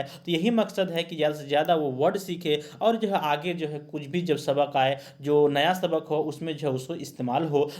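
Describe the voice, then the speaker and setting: A male teacher giving an exam-prep lecture, explaining each point by rephrasing it again and again with many fillers. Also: fairly high pitch.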